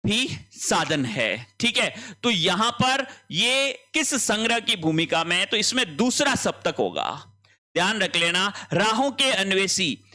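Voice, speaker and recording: Male tutor, high-pitched, walks students through answer options one by one. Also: very animated, measured pace, sharp tone. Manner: explains each option step by step, checking in with students. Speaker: Hindi exam tutor. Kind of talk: exam answer-key lesson.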